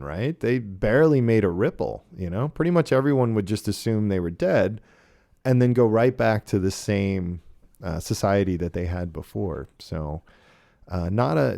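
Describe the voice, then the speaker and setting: With a warm, lowish voice and some vocal fry, a man hosts a relaxed podcast conversation about old radio shows. He hesitates while thinking out loud and frequently asks "right." The recording is studio quality with no echo.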